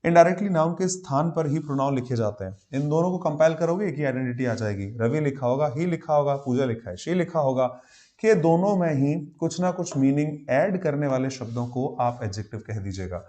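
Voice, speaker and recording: A man's voice: on the high side, expressive, a little fast, mellow. A male English grammar teacher with an Indian accent, giving a live online class and mixing Hindi and English as he explains. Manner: explains in a Hindi-English mix, greets students by name.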